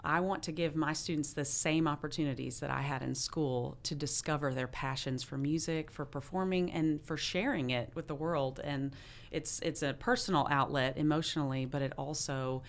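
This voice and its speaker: A woman who teaches choir, speaking earnestly and warmly about her work in an interview. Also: sits low, steady tone, moderate pace. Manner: earnest and heartfelt. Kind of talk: interview conversation.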